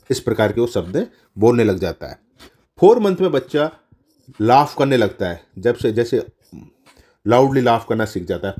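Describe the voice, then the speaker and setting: In a lecture on nursing exam questions, a man with a warm, medium-pitched voice calls his students "children." He repeats the key answers, corrects himself as he goes, and mixes English terms into his Hindi explanations.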